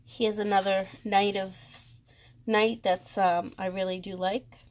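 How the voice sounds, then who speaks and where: A woman with a Boston accent, talking slowly through a tarot deck comparison with many pauses and fond praise. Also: mid-range voice, level tone. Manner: slow, hesitant, lots of ums, gushing. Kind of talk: casual deck walkthrough.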